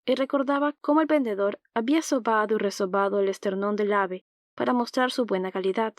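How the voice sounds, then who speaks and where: A woman narrating an audiobook in a calm, even reading voice, close to the mic. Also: mid-range voice, fairly quick, no echo.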